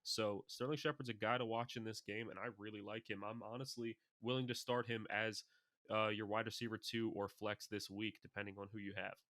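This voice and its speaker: Excitable male podcast co-host, dry sound. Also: on the low side, a little fast, dry recording. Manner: animated, excitable storyteller. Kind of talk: casual fantasy football chat.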